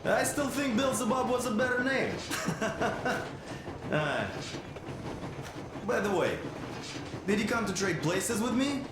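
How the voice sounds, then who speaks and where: Wry, weary labourer, animated. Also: male voice, sits high, takes it slowly, pauses often. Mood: wry, amused. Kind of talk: video game dialogue. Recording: very echoey, noisy game audio.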